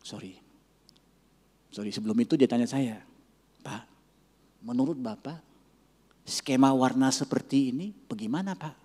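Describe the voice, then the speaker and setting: A male pastor preaching a sermon, telling a story and swinging between loud exclaiming and hushed near-whispers. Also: medium pitch, normal speed, long pauses. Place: church sanctuary. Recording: church hall reverb.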